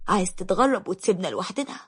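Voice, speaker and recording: A woman's voice: medium pitch, very animated, racing, slightly rough. A woman voicing a caring, insistent older mother persuading her son. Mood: persuasive.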